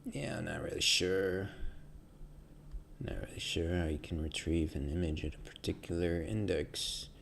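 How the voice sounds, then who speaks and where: A man's voice: sits low, fairly even intonation, normal speed, vocal fry, a bit bright, slight background noise. A man hosting a coding tutorial, hesitantly thinking aloud through source code with many fillers. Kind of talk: screen-recorded coding walkthrough.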